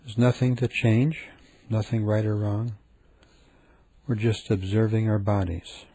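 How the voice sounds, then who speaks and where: Speaking in a fairly low, slightly rough voice, a man leads a guided meditation at an unhurried pace, calm and gentle with frequent pauses.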